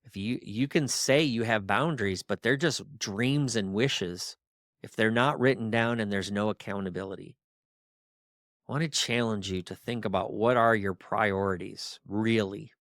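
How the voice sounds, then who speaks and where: Middle-aged male podcast host, low voice, firm and exhorting with rapid-fire questions, dry close recording. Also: fairly bright tone, no room sound. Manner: firm, exhorting, drill-sergeant tone. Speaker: podcast host and ministry coach. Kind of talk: podcast monologue.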